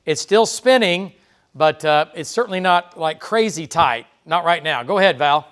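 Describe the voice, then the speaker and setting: Male TV meteorologist, live storm coverage, slightly higher voice, casual radar talk with fillers. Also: lively intonation, normal speed, a bit bright, clear, resonant tone. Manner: conversational, talks through radar, frequent "uh" and "okay?". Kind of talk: live severe weather coverage. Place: TV weather studio.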